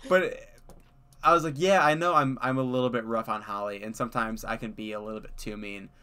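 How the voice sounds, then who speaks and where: A man's voice: medium pitch, steady tone, a little fast, pushed and bright, smooth. Young male streamer, clean ringing voice, casual rambling chat with laughs. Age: young adult. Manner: rambling, laughs often, many fillers. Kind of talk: casual chat while gaming.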